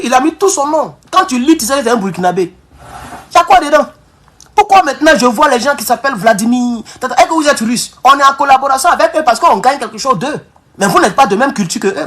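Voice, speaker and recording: A man with an African French accent and a very high-pitched, fairly bright voice hosts a live political stream. His delivery is passionate and emphatic, marked by repeated phrases and restarted words, and he constantly refers to viewers as comrades.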